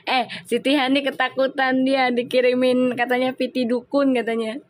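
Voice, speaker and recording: A woman's voice: high-pitched, flat delivery, moderate pace, dry recording. A woman chatting casually on a tarot live stream, reading out viewer comments and laughing often. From Indonesia.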